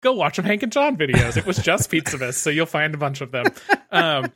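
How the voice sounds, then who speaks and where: A man's voice: fairly high pitch, very animated, brisk, a bit bright. A man co-hosting a podcast in easygoing casual chat, laughing between remarks. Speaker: podcast co-host.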